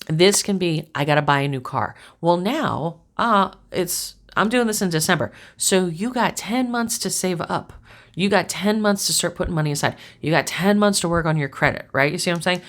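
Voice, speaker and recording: Woman, low voice, casual tarot reader, reassuring, repeats herself; talks straight to her viewers. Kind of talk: casual tarot reading monologue.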